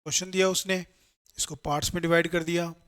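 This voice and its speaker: A man gives a classroom grammar lecture and pitches his voice slightly high. He poses questions to the class and answers them himself, mixing with English terms as he works through each rule. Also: level tone, quick pace, fairly bright tone, clear, resonant tone. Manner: explains step by step, asks and answers his own questions; mixes Hindi with English terms. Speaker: English teacher for competitive exams.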